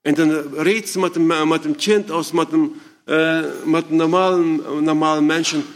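A man giving an informal talk to parents, halting and searching for words as he asks the audience questions. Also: fairly high pitch, fairly even intonation. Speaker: speaker addressing parents.

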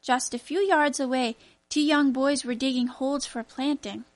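A woman narrating a children's story aloud in a clear, even reading manner. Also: high voice, moderate pace.

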